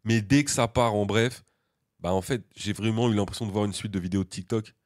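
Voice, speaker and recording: A man from France co-hosting a podcast, rattling off slangy jokes and blunt opinions at a rapid clip. His voice sounds close and dry, with no room around it. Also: lowish voice, dry recording. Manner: slangy, joking, quick-fire opinions. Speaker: podcast co-host. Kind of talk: casual chat.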